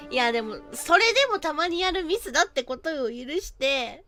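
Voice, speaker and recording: High, lively chatty woman streamer. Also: a little fast, no echo, soft background music. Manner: laughs easily, apologetic and chatty. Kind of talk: casual game commentary.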